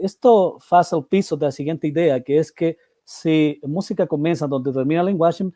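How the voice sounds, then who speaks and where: Higher-pitched man presenting in Spanish-accented portunhol. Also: dark tone, no echo, clean studio sound. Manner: hesitant, halting delivery mixing Portuguese with Spanish words. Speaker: academic presenter. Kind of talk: seminar presentation.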